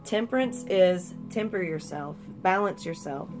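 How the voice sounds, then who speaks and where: Chatty woman doing a low-pitched tarot reading. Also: lively intonation, unhurried, music in the background. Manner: rambling and chatty, with swearing. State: hiccups. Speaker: tarot reader.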